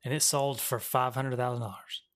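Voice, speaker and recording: A man's voice: mid-range voice, fairly even intonation, normal speed, a bit bright. A man co-hosting a podcast in casual chat, laid-back and joking, often laughing. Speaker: podcast co-host.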